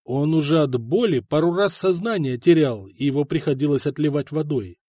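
A man narrating an audiobook in an expressive, dramatic storytelling manner. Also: fairly high pitch, moderate pace, no room sound, clean studio sound.

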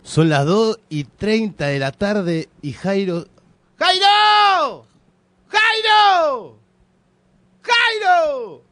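A man playing an exasperated middle-aged father who yells at his lazy grown son, with an Argentine accent, in a radio comedy sketch. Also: on the high side, takes it slowly, hardly any pauses, faint music behind. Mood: scolding. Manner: blustering, yelling.

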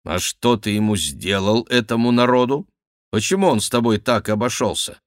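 A man playing a worried king who fires off urgent, questioning lines in a lively voice of middle pitch. The sound is dry and close to the mic. It sounds like a storybook reading. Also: normal speed, no echo, natural voice. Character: worried middle-aged king, anxious and commanding.

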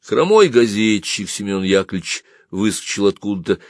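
A man narrating a story aloud in an expressive, measured reading. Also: on the low side, no room sound, studio quality. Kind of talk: audiobook reading.

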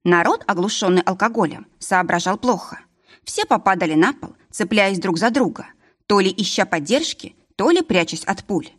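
A woman narrating a novel as an audiobook with steady, even storytelling. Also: medium pitch, moderate pace. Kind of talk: scripted narration.

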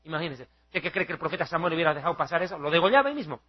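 A male preacher giving a fiery, mocking televised sermon, acting out shouting crowds. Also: on the high side, lively intonation, racing, breathy edge, muffled recording.

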